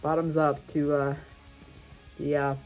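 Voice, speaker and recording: A woman's voice: deep voice, little pitch movement, measured pace, darkish tone, poor audio. Woman in her thirties, casual vlogger talk, wry and unpolished, home camera recording, faint music behind. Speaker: food challenge vlogger. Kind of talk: casual talk to camera during a spicy food challenge. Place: furnished room at home, indoors. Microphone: camera on the desk, about arm's length.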